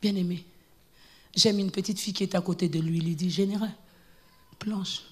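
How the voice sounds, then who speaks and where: A woman preacher giving a fervent sermon in church, moving between low, hushed stretches and loud, repeated calls to her congregation. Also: fairly even intonation, racing, husky. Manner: fervent, repetitive, shouting exhortations.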